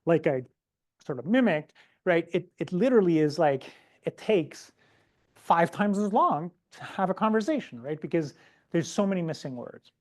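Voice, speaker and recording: Chatty woman lecturer, low voice. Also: expressive, moderate pace. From Canada. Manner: chatty, keeps asking "right?", acts out patients' words. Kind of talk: informal lecture.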